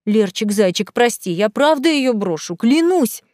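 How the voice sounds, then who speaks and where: A woman's voice: a little high, lively intonation, measured pace, darkish tone, no echo, clean studio sound. A woman voicing a burly man who barks orders and turns whiny and fawning with his lover. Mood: pleading. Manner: barking, then whiny and fawning. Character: burly man, blustering then wheedling.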